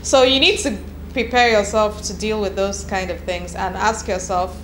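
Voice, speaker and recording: Being interviewed in an echoey, noisy room, a Nigerian copywriter in her thirties speaks at normal speed in a medium-pitched, slightly bright voice with fairly even intonation. Her answers are frank and conversational, with some restarts.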